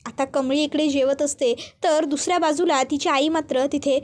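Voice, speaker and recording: A woman retelling a serial episode as a steady narrative recap. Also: high-pitched, normal speed. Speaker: storyteller.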